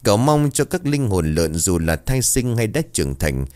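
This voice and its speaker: A man voicing a calm middle-aged male ritual master who speaks prayers in a solemn, measured way. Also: on the low side.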